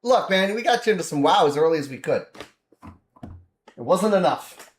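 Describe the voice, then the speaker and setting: A man's voice: high-pitched, expressive, moderate pace, echoey room. A man casually chatting while streaming a game, rambling and laughing often as he plays.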